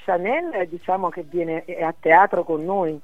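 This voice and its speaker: A woman with a slightly hoarse, rather low voice chats over the phone as a radio guest. She jokes her way through her answers in a loose, talkative manner. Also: unhurried, no echo, narrow, tinny audio. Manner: chatty, joking. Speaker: comedian guest.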